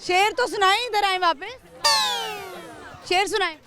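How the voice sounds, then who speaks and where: High-voiced playful woman street host. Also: a little slow, pushed and bright, soft background music, some chatter behind. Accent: Pakistani Urdu. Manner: playful, teasing, chatty. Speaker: roadshow host. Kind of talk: street vox-pop interviewing. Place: outdoors at a city zoo.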